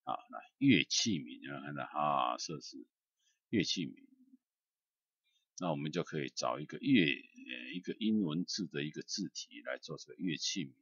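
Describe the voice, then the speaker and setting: A man giving a loose, chatty software tutorial, filled with "ah" and "hao" fillers. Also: extremely low pitch, lively intonation, moderate pace, husky, no echo, dull audio. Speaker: music software instructor. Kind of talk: screen-recorded software tutorial.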